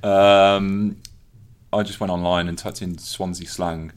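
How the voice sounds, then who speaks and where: Lowish-voiced Brummie man hosting. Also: flat delivery, slow pace, smooth. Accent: Birmingham. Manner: jokey quiz-master, chuckles between words. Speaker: podcast host. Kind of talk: casual football podcast chat.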